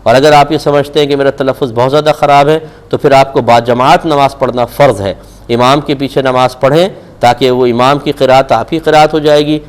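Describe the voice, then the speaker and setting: With a medium-pitched voice and a Pakistani Urdu accent, a man responds to religious queries on live television, admonishing firmly and posing rhetorical questions.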